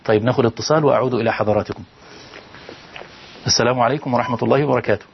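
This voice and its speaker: A man's voice: medium pitch, very fast, vocal fry, muffled recording, slight background noise. A man with an Egyptian accent preaching on a televised call-in show, pleading and firing rhetorical questions at his listeners. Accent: Egyptian Arabic. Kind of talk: televised sermon with callers.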